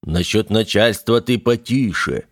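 Male reader as an unhurried, fatherly older mechanic, low and gentle. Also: dry recording, clean studio sound. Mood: calm. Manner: slow, soft, unhurried.

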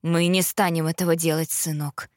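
A woman's voice: low voice, flat delivery, moderate pace, darkish tone, no room sound, clean studio sound, pitched below the performer's own voice, lightly acted. A woman voicing a stern, worried father who is a police officer, speaking firmly and wearily. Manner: firm and weary.

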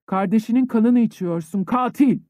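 A man voicing a bitter, grief-stricken young peasant conscript who breaks into furious shouting. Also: sits high, lively intonation, moderate pace, no room sound, studio quality. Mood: enraged shouting.

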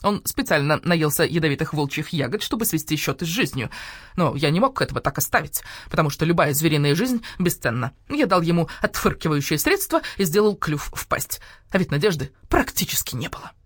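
A woman's voice: deep voice, sing-song, brisk, no echo, studio quality. A woman voicing a grumbling, fussy male rook doctor. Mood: self-important.

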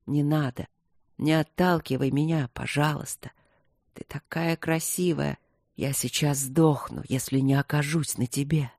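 A woman voicing a young husband who pleads softly and guiltily. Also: low-pitched, steady tone, a little slow, dry recording, clean studio sound. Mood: pleading. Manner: soft, pleading, half-whispered.

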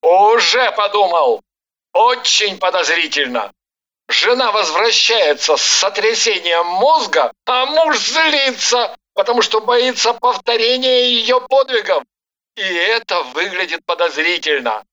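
A woman voicing an irritable young man who keeps shouting in exasperation, in a story reading. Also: mid-range voice, lively intonation, a little slow, dull audio. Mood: sarcastic.

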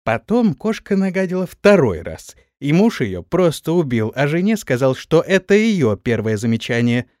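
A man's voice: fairly high pitch, big pitch swings, normal speed, few pauses, darkish tone, dry recording, clean studio sound. A man voicing a stern, threatening warrior woman who gives orders in an audiobook. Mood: menacing. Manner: threatening, bossy. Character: stern commanding female warrior mistress.

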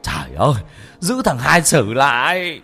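A man playing a shouting village elder. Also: mid-range voice, huge pitch swings, unhurried, slightly rough, soft background music, voice pushed up, full character voice. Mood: urgent. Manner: shouting, urgent commands. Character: commanding older village man, shouting orders.

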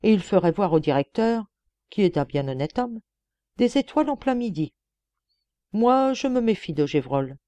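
A woman's voice: medium pitch, big pitch swings, moderate pace, mellow, no room sound, lightly acted. A woman voicing a shrewd, earnest young male police detective in a storybook reading, persuasive and emphatic.

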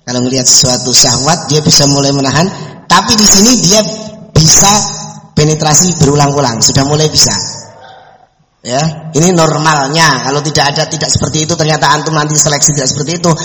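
Middle-aged preacher in an echoey mosque. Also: male voice, a little high, fairly quick, background noise. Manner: conversational and folksy, mixing in anecdotes. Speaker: preacher answering questions. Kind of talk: religious study talk. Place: mosque hall. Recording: echoey mosque hall reverb.

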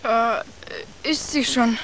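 A woman's voice: a little high, steady tone, takes it slowly, fairly bright tone, slight background noise. An actress playing the young boy Hänsel in a radio play, frightened and hungry, stammering and pleading.

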